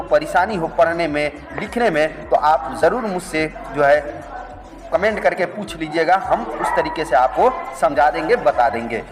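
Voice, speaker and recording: A man's voice: a little high, big-room sound, poor audio. A man teaching a language lesson, patiently spelling out letters and repeating each word twice. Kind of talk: slow step-by-step script lesson.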